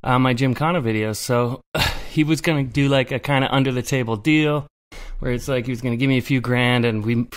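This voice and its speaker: A man's voice: mid-range voice, fairly even intonation, a little fast. A man in his thirties, a guest artist telling his story in a casual interview, laid-back and rambling with frequent laughs. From Canada.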